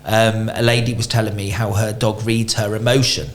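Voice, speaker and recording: Here a man guests on a business podcast as a franchise company expert, his lowish voice moving at normal speed with a little hiss or hum behind it. He's a lively storyteller, talking casually and performing the quotes in his anecdotes.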